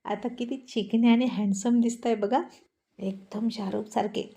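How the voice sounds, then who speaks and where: A cheeky young wife, teasing and self-assured, voiced by a woman. She bosses her husband around in a warm, mellow storybook voice. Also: on the high side, fairly even intonation, moderate pace, vocal fry. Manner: teasing, playful and bossy. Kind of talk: storybook voice acting.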